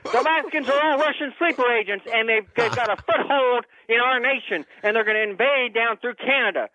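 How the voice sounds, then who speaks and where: Shrill ranting man on a phone line. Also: a little fast, pushed and bright, no echo. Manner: ranting, stammering zealot. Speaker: caller. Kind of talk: call-in radio rant.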